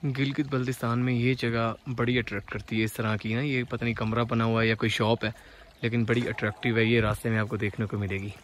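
A young man of middling pitch talks casually into a phone held at arm's length, pointing out the sights around him. He hesitates often while he chats. Wind and outdoor ambience sit clearly under his voice. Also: flat delivery, fast talker. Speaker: travel vlogger. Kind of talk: casual travel vlog narration. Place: outdoors on a cold mountain road and village path. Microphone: phone camera held at arm's length. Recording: noisy outdoor phone recording.

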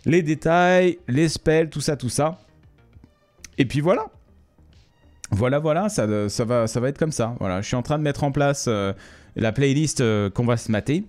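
A man streaming live, chatting casually and jokingly with his viewers. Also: mid-range voice. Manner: chatty, joking, addresses viewers as ladies and gentlemen.

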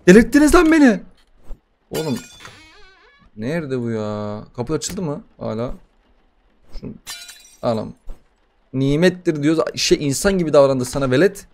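A young man doing casual gaming commentary, excitable and profane, bantering with the game as he plays a horror title. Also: mid-range voice, a little slow, long pauses. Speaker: gaming YouTuber.

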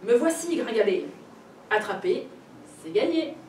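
Woman as boastful storybook wolf, loud growled threats, animated pitch, heard from across a roomy hall. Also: unhurried, a little hiss or hum. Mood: threatening. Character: big blustering male wolf, hungry and boastful. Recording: roomy library heard from a distance.

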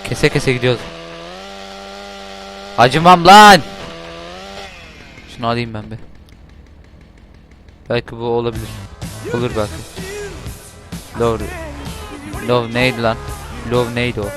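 A man talks over a game, loud and swearing, yelling at the cars on screen. His voice sits at an ordinary middle pitch. Game music plays clearly behind him. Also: level tone, moderate pace, long pauses. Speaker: gameplay commentator. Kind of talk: casual gameplay commentary.

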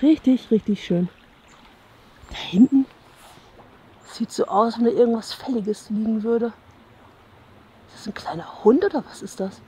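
Her voice is a little high, warm and breathy-edged, at normal speed with frequent pauses. This thirties-aged German-accented urban exploration vlogger muses aloud while walking an abandoned outdoor campsite, casually addressing viewers and often seeking their agreement. She films on a chest-worn action camera.

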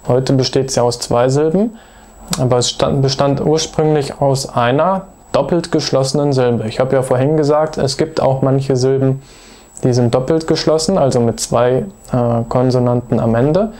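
A man giving a patient, methodical video lesson, pausing often with hesitation fillers as he explains grammar. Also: mid-range voice, fairly even intonation, warm tone. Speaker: language teacher.

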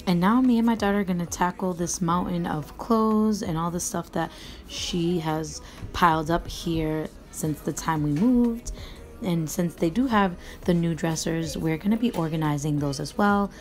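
A woman, a mother of four, narrating a home cleaning vlog in a relaxed, matter-of-fact voice-over. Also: lowish voice, normal speed. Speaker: vlogger, mother. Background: faint music.

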